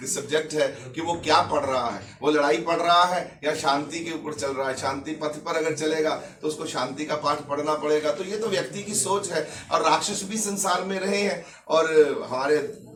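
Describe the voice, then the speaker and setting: Guy preaching, kinda high voice, lots of emphasis, sounds far off from the mic. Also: normal speed, hardly any pauses, a bit bright, roomy sound, slight background noise. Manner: emphatic, preaching, explains terms. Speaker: spiritual leader. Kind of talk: answering questions at a religious gathering.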